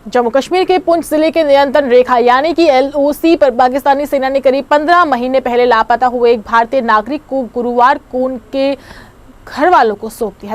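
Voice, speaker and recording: Woman news anchor, scripted bulletin, formal, high voice. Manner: formal, measured.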